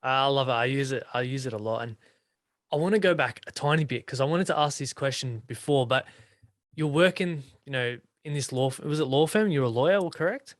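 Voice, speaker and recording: A man hosting a podcast, speaking in a relaxed, earnest way and asking follow-up questions. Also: mid-range voice, a little fast, no room sound, clean studio sound. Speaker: podcast host. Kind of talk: casual conversational interview.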